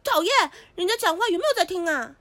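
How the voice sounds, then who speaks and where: Squeaky, teary cartoon princess. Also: female voice, sing-song, fast, fairly bright tone, no echo, exaggerated voice. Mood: pouting. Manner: cutesy, calls herself renjia, whiny. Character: shy, crybaby young princess girl. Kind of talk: cartoon voice acting.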